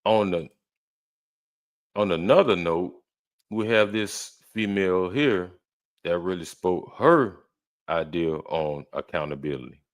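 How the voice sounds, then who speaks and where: A man with a low, deep voice runs a reaction show. He argues back at each clip in a blunt, heated tone. The sound is dry and close. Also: takes it slowly, long pauses, no echo. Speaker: reaction host. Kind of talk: reaction commentary.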